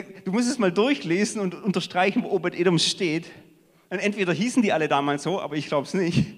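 A man with a fairly high voice delivers a sermon, talking to the congregation like a friend, then pressing a point hard or dropping almost to a murmur. His voice rings out with a long reverb trail, as in a large church hall. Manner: conversational preaching, swinging between emphatic and hushed. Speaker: preacher.

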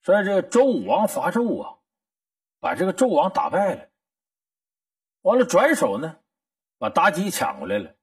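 A man's voice: high voice, wildly swooping pitch, moderate pace, long pauses, slightly rough. A man telling a historical tale in a folksy, chatty way and drawing a moral lesson. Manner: folksy, chatty, talks straight to the listener. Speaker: storyteller.

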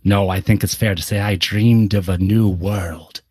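A man voicing a drowsy dreamer just waking from a dream, murmuring low and hushed in a dreamy way. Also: fairly even intonation, a little slow, slightly rough, no echo, clean studio sound. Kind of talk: comedic podcast bit.

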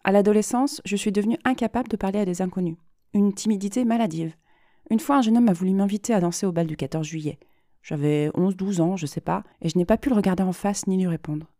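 A woman's voice: mid-range voice, mellow, no room sound, studio quality, natural voice. A woman reading aloud as an anxious young woman who nervously confides in her therapist. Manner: nervous, self-mocking. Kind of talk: dramatic reading.

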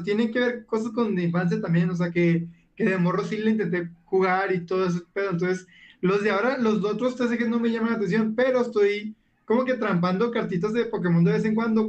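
High-voiced northern Mexican man. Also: highs cut off. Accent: northern Mexican Spanish. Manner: laid-back, slangy. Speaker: livestream co-host. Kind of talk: casual livestream chat.

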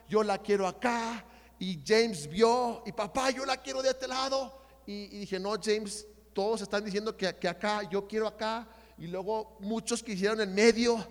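A middle-aged Mexican man preaching, telling a story in a lively way and acting out arguments with shouts. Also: high-pitched. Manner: animated, acts out family quarrels with shouts. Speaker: pastor. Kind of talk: storytelling sermon. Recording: reverberant hall sound.

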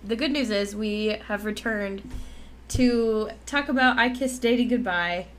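A young woman co-hosts a podcast in a medium-pitched, slightly slow voice. She chats casually, using fillers, restarting sentences, and laughing often.

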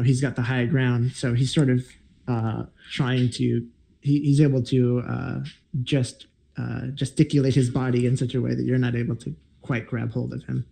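Gravelly, mellow-voiced male game master. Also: medium pitch. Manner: relaxed, rambling with frequent fillers. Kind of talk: running a tabletop game.

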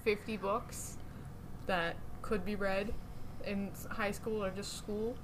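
A woman's voice: mid-range voice, steady tone, takes it slowly, background noise. Chatty young woman podcast co-host. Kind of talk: casual chat.

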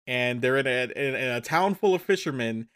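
A man co-hosting a podcast goes over a film in relaxed chat, meandering, revising what he says, and laughing often. He sounds brisk and smooth, with a medium pitch, lively intonation, and a fairly bright tone.

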